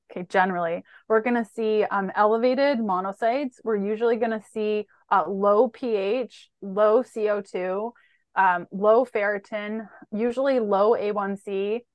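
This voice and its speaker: A woman's voice: mid-range voice, dry recording, lo-fi sound. A woman, a holistic nutritionist being interviewed, who explains at length and lists lab markers one after another in a methodical way.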